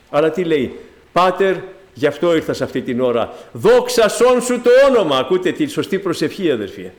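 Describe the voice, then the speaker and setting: A man delivers a sermon in a fairly high voice. He preaches emphatically, climbing to loud exclamations and then sinking low to address his listeners. He mixes in dry, ironic, mocking asides.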